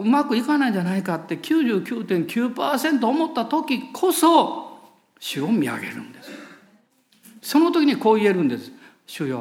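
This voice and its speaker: A male pastor with a Kansai lilt preaches and tells stories from the pulpit. His pitch swings widely as he animates the tale, and he laughs at himself along the way. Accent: Kansai Japanese. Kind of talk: sermon with storytelling.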